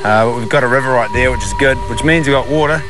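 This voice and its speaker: A man's voice: mid-range voice, fast, music in the background. A man with a broad New Zealand accent chatting casually and bluntly in matey slang outdoors. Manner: laid-back, matey, blunt slangy talk. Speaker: survival show adventurer. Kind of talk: casual unscripted chat and on-camera commentary. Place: outdoors on a river and in wetlands.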